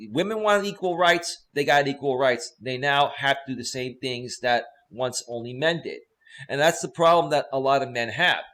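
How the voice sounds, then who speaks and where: A man's voice: fairly high pitch, a bit bright. A man hosting a live stream, talking casually and with opinions, repeating himself for emphasis as he addresses guest and audience. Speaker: live show host.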